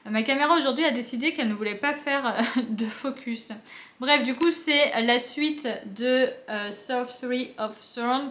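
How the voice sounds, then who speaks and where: A young woman chats into a camera on a tripod at home, stumbling through fillers and restarts. Her voice sits a bit high. The room gives it a noticeable echo. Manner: chatty, many fillers and restarts. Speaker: book vlogger. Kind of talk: casual vlog chat.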